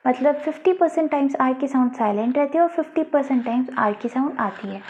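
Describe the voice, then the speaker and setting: A woman's voice: high voice, quick pace. A woman teaching French pronunciation in an online lesson, explaining patiently and repeating each example word. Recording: dull lo-fi, faint noise.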